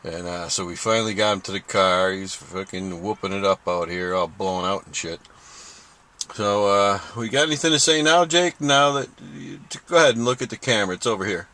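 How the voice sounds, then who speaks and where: A man's voice: lowish voice, animated, fairly quick, pushed and bright. A man chatting casually as he films a companion on a home video. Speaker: companion filming a groggy patient. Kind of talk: casual chat behind a camera.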